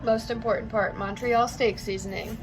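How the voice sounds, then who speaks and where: Young mom vlogger, casual and chatty, a touch high-voiced, talking to camera at home over background music. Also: female voice, steady tone, moderate pace, low-quality recording. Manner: chatty, talks through her chores. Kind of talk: casual vlog narration. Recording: music playing under the voice.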